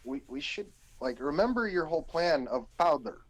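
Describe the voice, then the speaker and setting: A man's voice: on the high side, big pitch swings, normal speed. A man playing his character in a tabletop game, arguing stubbornly, with a put-on Russian accent that comes and goes. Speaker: player. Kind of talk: in-character tabletop role-play.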